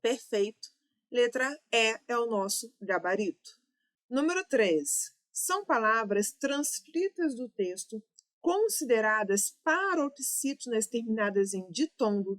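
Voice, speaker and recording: A woman's voice: fairly high pitch, fairly bright tone. A woman with a Brazilian Portuguese accent teaching an exam-prep grammar lesson, explaining step by step and correcting herself as she goes.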